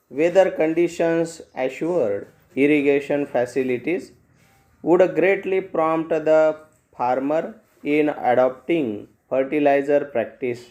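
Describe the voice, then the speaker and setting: A man with an Indian accent dictating a passage for shorthand practice, in short, separated, measured phrases. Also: a little high, warm tone.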